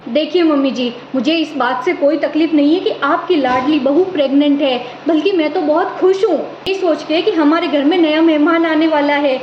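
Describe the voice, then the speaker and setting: A woman's voice: high voice, moderate pace, few pauses, slight background noise, natural voice. A woman playing a young daughter-in-law who protests firmly and earnestly against being taunted, in an echoey room with slightly dull sound. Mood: indignant. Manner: firm, pleading protest.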